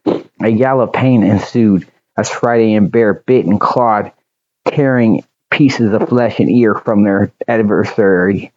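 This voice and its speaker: Male storyteller, lowish mellow voice, measured reading, dull lo-fi sound. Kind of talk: storybook audiobook narration.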